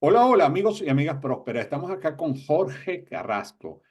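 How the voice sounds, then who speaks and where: A male interview host with a mellow, fairly high voice. He welcomes viewers and asks his guest several questions in a row. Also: big pitch swings, a little fast. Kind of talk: interview hosting.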